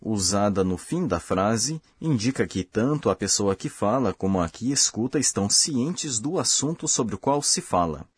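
A man with a husky, low voice hosts a language course, reading a scripted lesson slowly and carefully as he explains, yet with an animated delivery. The recording is dry and close-miked, with no room sound.

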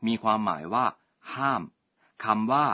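Bright-voiced man teaching a language lesson. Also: lowish voice, measured pace. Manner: polite, explains word by word.

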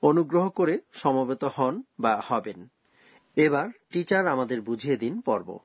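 A man presenting a scripted radio language lesson, explaining grammar rules slowly and carefully. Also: mid-range voice, sing-song, slightly rough, no room sound, clean studio sound.

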